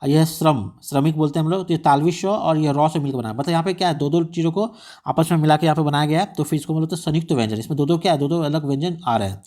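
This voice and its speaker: Fast-talking male exam tutor. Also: on the high side, darkish tone. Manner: repetitive rhetorical questions, mixes English words. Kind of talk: explaining study material.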